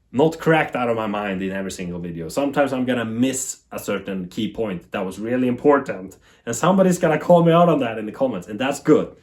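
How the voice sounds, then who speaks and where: Talking to camera as a TV tech YouTuber, this Swedish man rambles with lively energy and chuckles at his own expense. His voice sits at a medium pitch, and his English, a second language, carries a Swedish accent.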